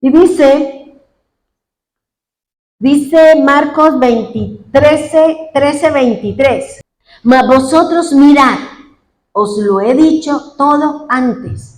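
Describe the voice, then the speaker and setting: A woman's voice: high-pitched, extremely slow, long pauses, a little mellow. A woman pastor preaching a fervent sermon, retelling what congregants said and praying aloud as she goes. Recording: echoey room.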